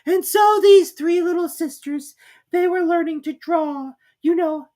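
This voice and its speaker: A woman voicing a sleepy, sulky male dormouse in a storybook, with a squeaky, drawn-out delivery. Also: dark tone. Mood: drowsy, rambling.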